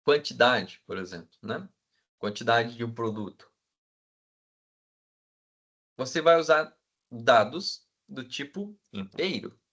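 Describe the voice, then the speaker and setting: A man teaching a class, checking in with the students all the time and filling pauses with hesitant sounds. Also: medium pitch, expressive, a bit bright. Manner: asks the class for agreement constantly; fills with "né?" and hesitant "é". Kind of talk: classroom lecture.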